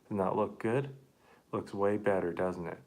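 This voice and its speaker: A man live-streaming an accordion repair, chatting casually and haltingly to viewers while he works with his hands. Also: on the low side, steady tone, a little mellow.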